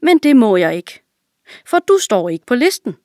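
A woman's voice: a little high, no echo, studio quality, voice pushed up. Woman doing a dim, literal-minded servant. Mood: matter-of-fact. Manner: flat, matter-of-fact replies. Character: literal-minded male servant, dull and unbothered.

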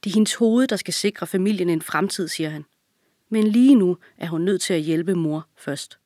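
A woman narrating a children's audiobook in a calm, even storytelling manner. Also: lowish voice, no room sound, clean studio sound.

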